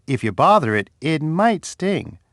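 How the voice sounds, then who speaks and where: A big, gentle bear from a children's game, with a warm, soft, sing-song voice that swoops very widely as he cheers on a young player. He chuckles easily and talks like a kindly friend. The recording is dry and close, with no room sound at all. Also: a little high, sing-song, unhurried, no room sound, heavily acted. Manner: encouraging, speaks directly to a child player. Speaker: voice actor for a children's game character. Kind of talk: scripted game voice clips. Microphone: dry studio booth.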